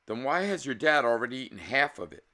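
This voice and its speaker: A man's voice: mid-range voice, lively intonation, fast talker, sharp tone, voice pushed up. A man voicing a friendly, curious neighbour boy from a storybook, in a wide-eyed, questioning manner. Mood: puzzled.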